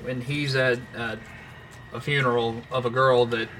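A man's voice: mid-range voice, level tone, unhurried, fairly bright tone, a little hiss or hum, poor audio. A man co-hosting a podcast, chiming into a film discussion with blunt, wry and profane remarks. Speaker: podcast co-host.

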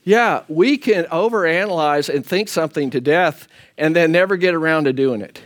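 Male pastor, high-pitched, loose conversational teacher of a Bible class. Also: normal speed. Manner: animated, chatty, often asks "right?".

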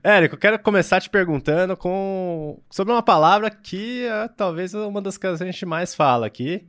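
A Brazilian man co-hosting a casual chat, easygoing and quick to laugh. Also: high voice, fairly bright tone. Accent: Brazilian Portuguese.

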